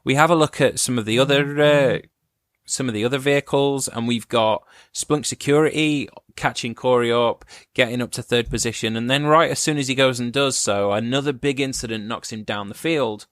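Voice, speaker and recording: A man presenting race data in a commentary segment, explaining results in a measured way. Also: mid-range voice, a bit bright, no echo, clean studio sound.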